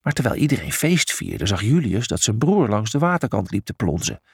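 A man narrating a children's audiobook in an expressive storytelling voice. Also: on the low side, a little fast, creaky, husky, dry recording, clean studio sound.

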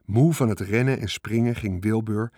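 A man narrating a children's storybook, reading in a lively way. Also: fairly low pitch, normal speed, no echo, clean studio sound. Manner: lively, character-voicing reading.

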